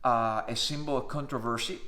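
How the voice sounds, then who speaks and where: His voice is medium-pitched, steady, bright and forceful, moving fairly quickly. The Cuban pastor, in his fifties and a native Spanish speaker with a Cuban Spanish accent, delivers an earnest, emphatic personal testimony to camera indoors in front of a flag, often saying "uh."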